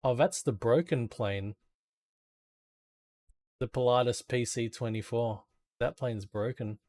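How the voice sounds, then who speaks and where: A man's voice: medium pitch, takes it slowly, darkish tone. An Australian man streaming games, chatting in a casual, rambling, laid-back and sweary way. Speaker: game streamer. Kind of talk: casual rambling livestream chat.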